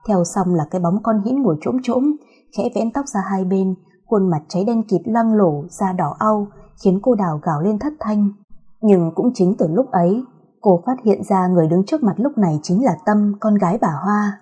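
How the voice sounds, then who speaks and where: A woman narrates a scripted horror story with a steady, suspenseful delivery. Her voice is mellow and dark-toned, with a soft husky edge, at an ordinary middle pitch.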